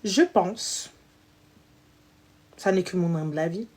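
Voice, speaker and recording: A woman's voice: fairly low pitch, slow pace, darkish tone, a little hiss or hum. A young adult woman hosting a live stream, chatting casually with callers in a teasing, slangy, joking way.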